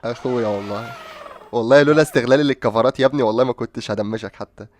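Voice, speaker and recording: Excitable young Egyptian gamer man. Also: mid-range voice, racing, a little hiss or hum. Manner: excitable, exclaiming, laughing often. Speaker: gaming streamer. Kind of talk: live gameplay commentary.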